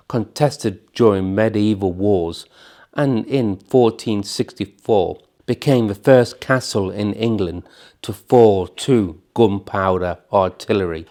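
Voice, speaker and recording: Slow, low-pitched male documentary narrator. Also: darkish tone.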